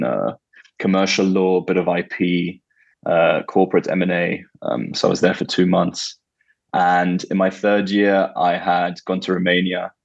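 A young adult man with a low, gravelly voice, recorded lo-fi with no echo. Born in Italy and raised in Germany, he's a legal counsel appearing as a guest, answering interview questions casually and filling his speech with lots of fillers.

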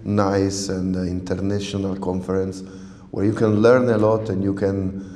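An Italian-born radiobiologist from southern Italy, speaking English as a guest in an interview, talks haltingly, full of fillers and restarts as he hunts for words. His voice is low and dark, flat in delivery and moderate in pace, and the echoey room leaves a long reverb tail.

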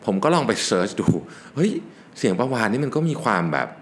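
A man hosting a solo business talk, relaxed and explanatory, dropping English work terms into his speech. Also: mid-range voice, fast talker, slight background noise. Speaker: podcast host and business owner.

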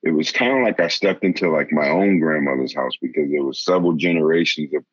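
A man from the area, telling a story in casual conversation, halting with many restarts and laughing now and then. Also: rumbling low, no room sound. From Boston area, Massachusetts. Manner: laughs while telling stories. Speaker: interviewee. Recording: dull lo-fi sound.

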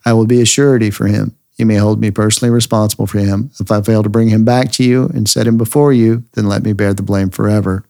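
A man's voice: on the low side, flat delivery, fast talker, gravelly, hardly any pauses, dark tone, dry recording, studio quality. Judah, an earnest elder brother, read by a man.

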